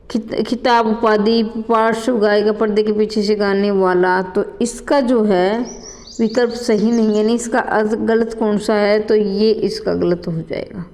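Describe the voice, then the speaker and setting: A woman's voice: a little high, mellow, in a large hall. A woman coaching teacher going through exam questions, calling her students children and repeating each question and answer aloud. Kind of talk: exam answer walkthrough lesson.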